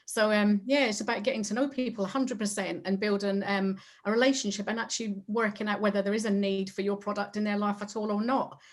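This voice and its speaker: Female business owner, mid-pitched voice, chatty and emphatic in informal discussion. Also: steady tone, quick pace, few pauses. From Highlands of Scotland. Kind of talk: casual chat, answering interview questions.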